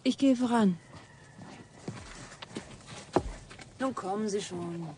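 Against a noisy background, an actress in a German radio drama portrays a reclusive, wounded young scientist, guarded and wry yet confiding. Her medium-pitched, natural voice is breathy and deliberate, often sinking into a whisper.

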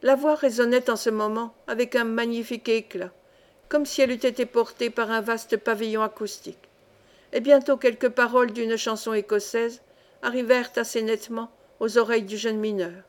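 A woman narrating a classic adventure novel in a steady, phrase-by-phrase reading. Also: fairly high pitch, moderate pace. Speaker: audiobook reader.

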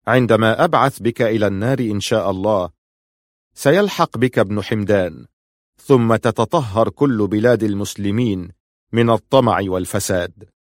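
A man's voice: fairly low pitch, normal speed, dry recording, clean studio sound, lightly acted. Badr, a cold vengeful ruler, read by a man. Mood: cold, mocking. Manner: calm, cutting and mocking. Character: cold vengeful male ruler, a former slave soldier.

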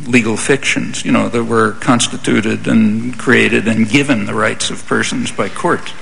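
A man answering audience questions at a lecture in a measured, conversational way. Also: medium pitch, vocal fry, a bit bright, slight background noise, low-quality recording. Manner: measured, conversational, frequent "I mean" and "you know". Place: university lecture hall.

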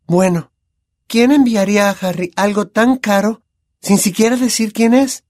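A man voicing a bookish, worried teenage girl in an audiobook, with high, insistent questions. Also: measured pace, a little mellow, no echo, studio quality. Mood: uneasy.

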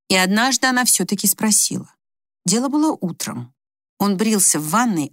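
A woman narrating an audiobook in an even, measured storytelling manner. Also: medium pitch, dry recording, studio quality.

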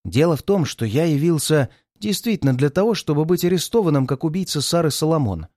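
A man reading aloud and voicing a cool-headed male detective in disguise who explains his plans calmly and deliberately. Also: on the high side, no room sound, studio quality.

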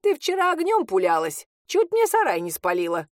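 Woman voicing an old village witch, brash, cackling, loud, high and bouncy, dry audiobook sound. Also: wildly swooping pitch, moderate pace, dry recording. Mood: boisterous teasing. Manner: boisterous, teasing, laughing.

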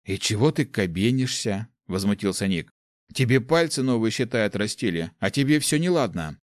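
A man voicing a skinny, quick-tongued young man who scolds loudly and bosses his friend around, in an audiobook. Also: on the low side, expressive, no echo, clean studio sound, natural voice. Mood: scolding. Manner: loud, scolding, fast banter.

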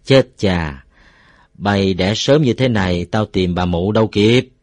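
A man voicing a cheerful, crafty middle-aged village farmer who talks loudly and playfully in a dry, close recording. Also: fairly low pitch, measured pace, dry recording, natural voice. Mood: grumbling jokey. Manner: loud, playful, shouting to the village.

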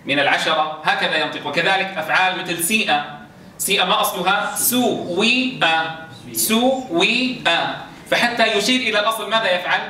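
A man teaching a class on Quran recitation rules. He explains step by step, slowly drawing out sounds to demonstrate and often checking with his students. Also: on the high side, pushed and bright. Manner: keeps checking understanding with quick questions to students. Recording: echoey room, voice from a distance, faint noise.

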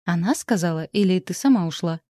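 A woman's voice: lowish voice, animated, brisk, dark tone, no room sound, studio quality, natural voice. A woman voicing a tired, patient adult daughter who grows exasperated with her mother.

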